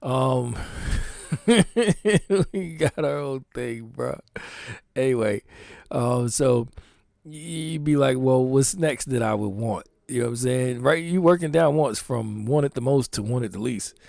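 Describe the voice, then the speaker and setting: Gravelly Philly man, casual street talk. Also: medium pitch, unhurried, darkish tone, no echo, studio quality. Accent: Philadelphia. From Philadelphia, United States. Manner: loose street slang, keeps asking "you know what I'm saying". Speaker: clothing designer explaining his product.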